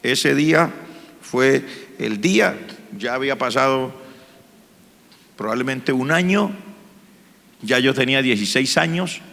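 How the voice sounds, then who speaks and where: A man's voice: medium pitch, pushed and bright, in a large hall. A man, a pastor telling his personal testimony in church with an earnest, emotional manner. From Colombia.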